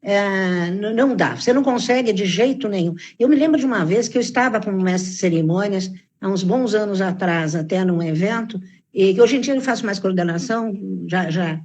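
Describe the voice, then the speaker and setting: Older Brazilian woman, husky storyteller. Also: mid-range voice, brisk. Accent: Brazilian Portuguese. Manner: animated storyteller, acts out quoted exclamations. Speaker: ceremonial protocol expert, guest. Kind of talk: casual live-stream interview. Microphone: video call.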